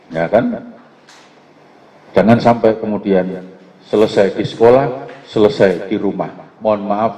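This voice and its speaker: Middle-aged male preacher, joking and lively, mellow tone, echoey hall, dull lo-fi recording. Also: mid-range voice. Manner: joking, lively, asks "ya kan?" often. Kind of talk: religious lecture to parents.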